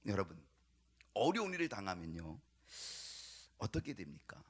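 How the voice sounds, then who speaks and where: A male pastor preaching a sermon, emphatic, with repeated rhetorical questions to the congregation and sometimes dropping to a hushed whisper. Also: on the low side, very animated, moderate pace, husky. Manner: drops to a hushed whisper at times.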